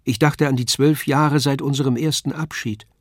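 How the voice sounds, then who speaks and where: A man reading a literary novella aloud in a calm, measured and expressive way. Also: mid-range voice, dry recording, clean studio sound. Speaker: audiobook reader.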